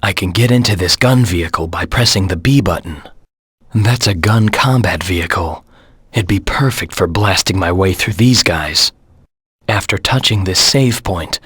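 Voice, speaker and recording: A man voicing a brooding, self-assured hedgehog anti-hero in a video game, with a raspy voice and a terse, serious delivery. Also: low voice, normal speed, a bit bright, no room sound, studio quality. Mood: stern, matter-of-fact. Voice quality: raspy, gravelly. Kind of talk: video game hint voice lines.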